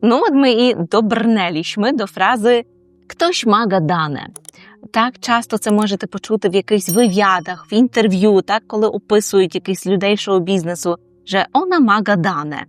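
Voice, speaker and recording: Polish teacher explaining phrases. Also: female voice, medium pitch, faint music behind. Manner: slows down to repeat each phrase, then explains it. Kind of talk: explaining informal phrases in a lesson.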